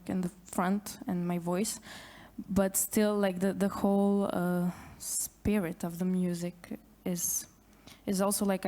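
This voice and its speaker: A woman musician speaking on a conference panel, a native Macedonian speaker talking in English, halting, with many restarts. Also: mid-range voice, mellow.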